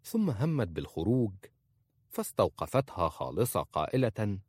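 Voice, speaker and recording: A man narrating a novel as an audiobook, reading in a measured, expressive way. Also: on the low side, slightly rough, no echo, studio quality.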